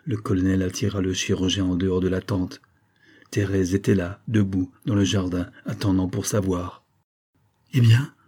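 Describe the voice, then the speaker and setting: Low, husky male audiobook narrator. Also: level tone, normal speed, warm tone. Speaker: audiobook reader. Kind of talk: reading a novel aloud.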